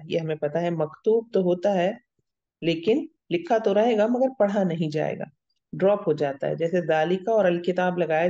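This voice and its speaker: In a recorded classroom lecture with dull, lo-fi audio, a female Arabic grammar teacher patiently explains things step by step. Her voice is lowish and dark in tone, and she checks understanding by asking "theek hai?"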